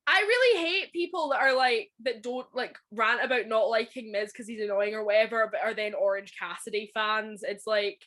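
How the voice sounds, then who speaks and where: A woman's voice: a little high, a bit bright. A Scottish woman co-hosting a podcast, chatting casually and emphatically, with frequent swearing and filler words. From Scotland. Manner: swears freely, quick emphatic asides with many "like" fillers. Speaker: podcast co-host. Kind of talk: casual chat.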